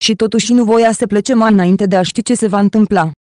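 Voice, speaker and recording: An audiobook narrator reading a novel in a steady, even manner. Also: medium pitch, no echo, clean studio sound. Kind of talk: scripted narration.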